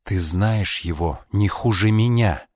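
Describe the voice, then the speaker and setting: A man voicing a cool-headed young adult son who speaks in short, calm replies. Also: fairly low pitch, takes it slowly, no echo, clean studio sound, big-room sound. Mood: tense.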